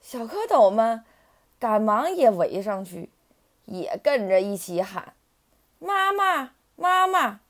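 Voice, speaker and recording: A woman narrating a children's story in an animated, singsong way. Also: mid-range voice, slow.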